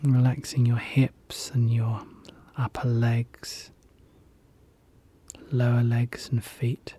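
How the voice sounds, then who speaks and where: A relaxation guide leading a guided hypnosis session in a soft, soothing whisper, repeating gentle calming phrases. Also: medium pitch, slow, husky.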